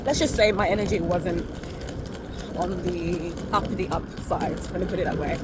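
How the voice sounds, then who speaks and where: Walking outdoors on a city street, a woman vlogger chats casually into the phone held up to her face. Her voice is on the low side, with fairly even intonation and a moderate pace, and she rambles and corrects herself with little laughs. Traffic and street ambience come through in the phone recording.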